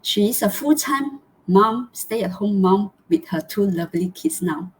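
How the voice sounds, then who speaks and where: A woman's voice: medium pitch, lively intonation, a little slow, slight background noise. Earnest woman hosting a live chat. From Malaysia. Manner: earnest, with many fillers and restarts. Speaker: host. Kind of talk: live online interview. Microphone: video call.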